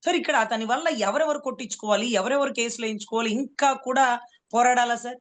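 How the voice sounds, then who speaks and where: This Telugu-accented woman advocate talks fast in a slightly high voice. Her political commentary is heated and rhetorical, and she addresses her interviewer as "sir" again and again.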